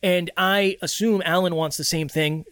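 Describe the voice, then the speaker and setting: Male podcast host, life-coach delivery, slightly high voice, close dry sound, emphatic with deliberate pauses. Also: steady tone, fairly bright tone, smooth, no echo. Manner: life-coach delivery, addressing listeners directly. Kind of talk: motivational self-improvement podcast talk.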